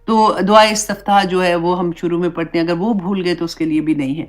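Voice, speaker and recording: A woman's voice: on the low side, steady tone. A woman religious teacher giving a conversational Islamic class lesson, mixing English words into her explanations.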